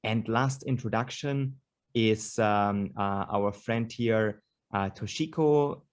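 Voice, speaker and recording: A man hosts an online panel over a video call, introducing the speakers with many hesitations and fillers. He speaks slowly in a lowish voice.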